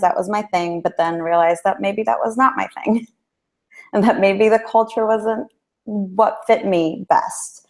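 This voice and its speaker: A woman from El Salvador answers interview questions in a friendly, easy, chatty way. Her voice sits lower than most women's. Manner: friendly, chatty, with small laughs. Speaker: guest.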